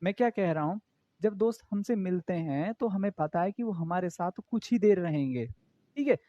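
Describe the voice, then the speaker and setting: A man's voice: high voice, lively intonation, moderate pace, mellow, no echo, highs cut off. A man teaching an exam-prep English grammar class, explaining in with English terms and asking his students questions again and again.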